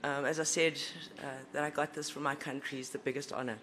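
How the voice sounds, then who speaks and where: Woman, award acceptance speech, emotional and near tears, hesitant and halting. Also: sits low, steady tone, fairly bright tone. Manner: hesitant, with fillers. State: emotional, holding back tears. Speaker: award recipient, scientist. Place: awards ceremony venue.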